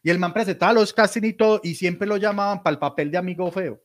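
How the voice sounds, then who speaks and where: Colombian man, high voice, animated casual storyteller who laughs a lot. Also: fast talker. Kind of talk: casual chat.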